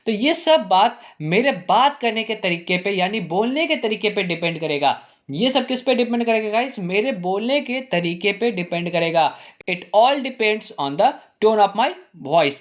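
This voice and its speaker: A male English teacher explaining grammar, asking the class rhetorical questions and repeating "ठीक है?" while saying example sentences slowly. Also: high-pitched, muffled recording.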